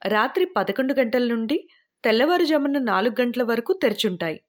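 A woman's voice: on the high side, lively intonation, fairly quick. A woman reading a friendly female tour guide who informs her group, in audiobook style. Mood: informative. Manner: informative, announcing.

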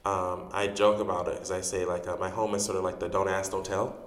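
As a guest in a casual interview, a Chicago-born drag performer and actor in his forties talks animatedly, laughing a lot. He speaks a little fast in a low, level voice, and the reverberant recording has a big-room sound.

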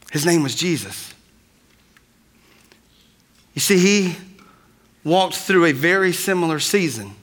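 A man preaching a sermon, shifting between quiet, drawn-out lines and loud cries. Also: sits high. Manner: dynamic, swings from soft to loud. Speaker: pastor.

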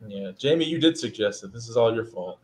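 A man's voice: mid-range voice, lively intonation, brisk, noisy background. A man co-hosting a casual podcast, laid-back and telling stories. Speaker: podcast co-host. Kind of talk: casual chat.

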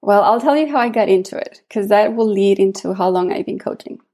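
Mellow-voiced woman coach from Mexico. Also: mid-range voice, brisk. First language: Spanish. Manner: warm, chatty, laughs often. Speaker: guest coach and consultant. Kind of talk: casual interview chat.

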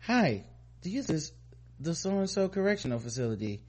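A man imitating the slow, flat recorded greeting that announces a collect payphone call from a jail. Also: fairly high pitch, voice pushed up. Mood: formal. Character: automated jail payphone operator message.

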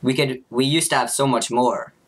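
A man's voice: medium pitch, fairly even intonation, moderate pace, a little hiss or hum, close to an everyday voice, rough recording. A man voicing a tall, bitter male orc recruiter in a tabletop game, speaking with grudging urgency. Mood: resentful.

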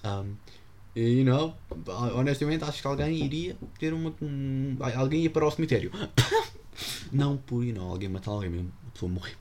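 A teenage boy with a European Portuguese accent hosts a casual solo podcast, rambling and joking while dropping in English slang. His mid-range voice is warm, with lively intonation and a normal pace.

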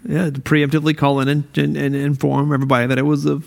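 A man's voice: on the high side, completely flat delivery, fast talker, vocal fry. A man co-hosting a podcast in casual chat, joking and laughing often. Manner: laughing, jokey. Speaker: podcast co-host.

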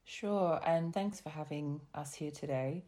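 A woman speaking as a podcast guest through a voice disguise that makes her sound deeper, talking in a reflective, measured way with small restarts over a remote call. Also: mellow. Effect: voice altered to sound deeper for anonymity. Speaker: guest sharing lived experience. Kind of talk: candid podcast conversation. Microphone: remote recording over a call.

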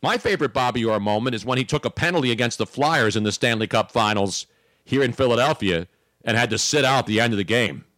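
A man's voice: medium pitch, fast talker, fairly bright tone, no room sound, clean studio sound. A man in his sixties or older hosting casual sports talk in a joking, emphatic way. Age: 60s or older. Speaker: talk show host.

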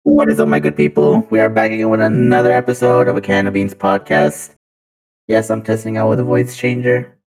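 A young man hosting a casual podcast, his voice pitched deep through a voice changer, joking and swearing loosely. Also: a little fast, music in the background, rough recording. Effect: voice changer shifting the voice deeper. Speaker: podcast host.

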